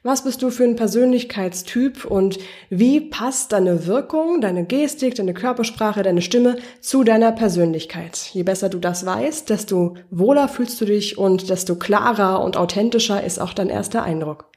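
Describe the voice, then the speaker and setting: A woman's voice: mid-range voice, moderate pace, a little mellow. A woman working as a voice coach, presenting a podcast lesson in an encouraging, explanatory way and speaking straight to the listener with guiding questions. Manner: encouraging, addresses the listener directly.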